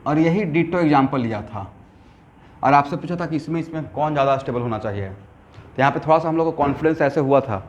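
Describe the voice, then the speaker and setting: A man lectures a chemistry class, asking questions and answering them himself. His voice sits fairly high. The recording is dull and lo-fi, made in a classroom. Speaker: chemistry teacher. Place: classroom with students, also streamed online.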